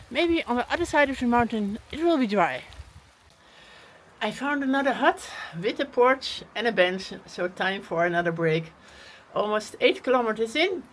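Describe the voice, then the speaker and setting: Out on a mountain trail in the rain, a woman hiking vlogger narrates casually and chattily, with frequent fillers. Her voice is on the high side and a bit bright, and the recording is rough.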